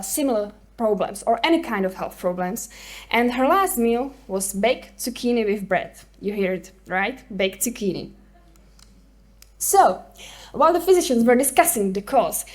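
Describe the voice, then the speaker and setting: A woman's voice: on the high side, a little mellow. A woman from the Czech Republic with a Czech accent, giving a medical case presentation and putting questions to her listeners. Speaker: hospital clinician presenting a case report. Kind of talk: conference presentation.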